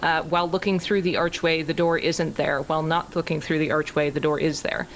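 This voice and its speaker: A woman's voice: deep voice, little pitch movement, brisk, slight background noise. A woman giving matter-of-fact live audio description of a video game, with terse callouts. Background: video game music.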